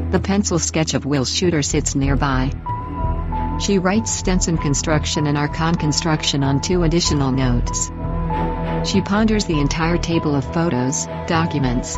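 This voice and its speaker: A woman reading scripted audio description of on-screen scenes as a narrator. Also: sits low.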